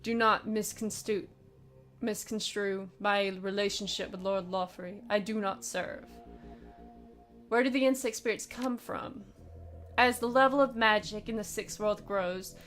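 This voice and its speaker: A woman reading the lines of a stern, formal male aide in a game, in a measured, lecturing way. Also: medium pitch, a bit bright, natural voice. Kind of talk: reading game dialogue aloud.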